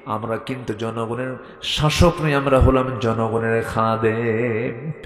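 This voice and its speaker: Preacher doing a humble remorseful old-time ruler, low and earnest, echoey hall. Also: male voice, fairly even intonation, slow pace, natural voice. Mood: solemn. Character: humble devout male caliph, grave and remorseful. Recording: echoey hall with faint music.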